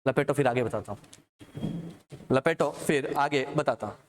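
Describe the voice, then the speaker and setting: A man's voice: medium pitch, moderate pace, slight background noise. A man teaching chemistry, repeating questions to quiz his students. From India. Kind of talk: classroom lecture.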